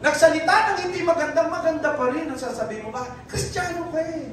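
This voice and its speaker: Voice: sits high, fast talker, noisy background. Echoey Filipino preacher asking for amens. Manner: keeps asking the congregation for an amen. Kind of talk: sermon to a congregation. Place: church hall. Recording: very echoey room, speaker far from mic.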